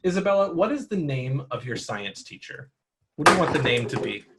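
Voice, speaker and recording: A man's voice: on the high side, sing-song, brisk, heavy background noise. Patient man guiding kids through a game. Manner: patient, encouraging, explains rules step by step. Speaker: game master. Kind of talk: narrating a tabletop game for children.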